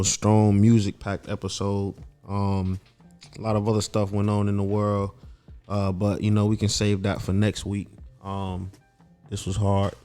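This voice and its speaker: A man hosting a casual radio interview, relaxed and full of slangy banter. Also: lowish voice, smooth. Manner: laid-back slangy banter, lots of "word" and "bro". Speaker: radio show host.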